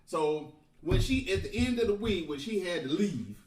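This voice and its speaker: A man telling a profane, animated story on a podcast and laughing often. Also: high-pitched, normal speed, far from the mic. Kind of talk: casual storytelling. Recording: echoey room, off-mic.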